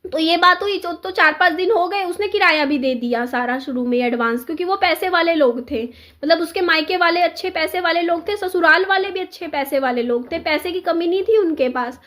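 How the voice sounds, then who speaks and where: A woman's voice: very high voice, a little fast, a bit bright. A woman vlogger telling a neighborhood story in a casual, chatty way, repeating herself and acting out the quoted dialogue.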